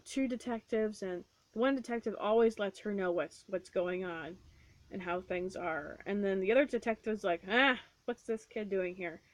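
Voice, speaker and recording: Woman book vlogger, fairly high voice, loose chatty delivery full of ums, dry close sound. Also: no room sound. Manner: chatty, rambling, with many fillers and restarts. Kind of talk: casual book review chat.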